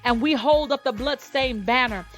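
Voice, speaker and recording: Brief: high-pitched woman gospel radio host, fervent praying, preacher-style repetition, faint music underneath. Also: moderate pace, a bit bright. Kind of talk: fervent live radio prayer and exhortation.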